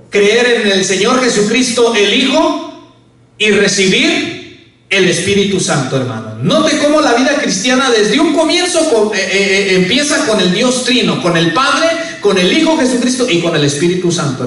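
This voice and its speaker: High-voiced man preaching in an echoey church. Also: fairly bright tone. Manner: preaching, rising on key words and dropping low on each "hermano". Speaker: pastor. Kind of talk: sermon. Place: church sanctuary. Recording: very echoey church hall, voice from far off.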